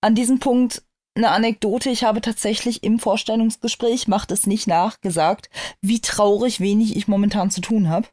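A woman co-hosting a casual podcast, her voice mellow and dark-toned. She talks with dry, sarcastic humor. The sound is close and dry, with no room in it. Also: mid-range voice, steady tone, normal speed, no echo. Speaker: podcast co-host. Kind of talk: casual chat.

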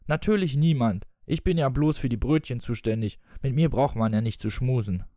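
A man's voice: medium pitch, normal speed, warm tone, no echo, clean studio sound, natural voice. A man voicing a proud, stubborn father who blusters and feels sorry for himself. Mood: bitter, blustering. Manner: blustering and self-pitying.

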